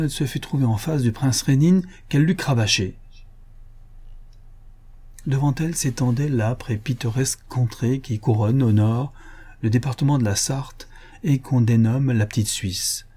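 A man narrating a novel in a measured, even audiobook reading. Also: medium pitch, slightly rough.

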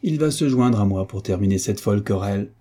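A peacemaking baron, as a man reads him tries to smooth over a quarrel. The voice is very dark and husky. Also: on the low side, expressive, fairly quick. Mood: placating. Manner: pleading, placating. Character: conciliating baron, trying to calm a quarrel.

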